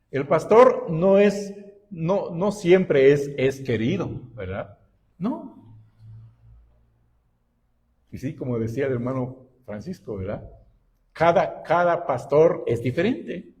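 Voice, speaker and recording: Un predicador varón de voz media que habla lento y deliberado desde el púlpito, con pausas largas. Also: male voice, medium pitch, a little mellow. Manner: slow and deliberate, often adding "¿verdad?". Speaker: pastor. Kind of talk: sermon. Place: church.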